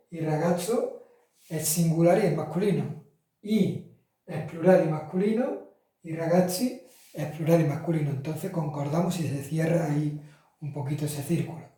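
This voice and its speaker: A man's voice: on the high side, warm tone. Man teaching Italian in an echoey room. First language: Spanish. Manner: chatty, with fillers and self-corrections. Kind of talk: casual classroom explanation. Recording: roomy echo, from far off the mic.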